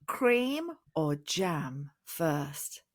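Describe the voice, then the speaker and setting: A woman's voice: low-pitched, sing-song, very slow. A woman co-hosting a podcast in casual, chatty and playful conversation. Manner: chatty, playful, full of laughs. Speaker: podcast co-host. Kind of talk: casual chat.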